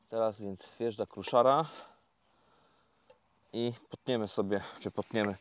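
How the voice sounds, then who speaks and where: A man with a fairly low voice talks to his viewers in a casual, unhurried way, filling his sentences with little asides. He is recorded outdoors by the water, with a faint noise underneath. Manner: chatty, relaxed, explains each step with fillers. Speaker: carp fishing vlogger. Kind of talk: casual vlog talk to viewers. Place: outdoors by a lake.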